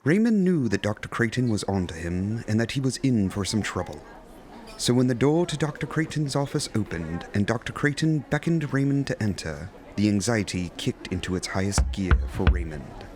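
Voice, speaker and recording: A man playing a genteel horror anthology host, narrating scripted tales in a measured, theatrical, vintage style. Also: on the low side, big pitch swings, darkish tone, soft background music. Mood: storytelling.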